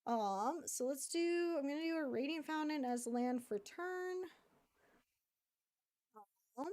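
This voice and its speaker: A woman streaming a card game, chatting casually, reading viewer comments aloud, thinking out loud and laughing often. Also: sits high, lively intonation, takes it slowly. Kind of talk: casual live-stream chat while playing a card game.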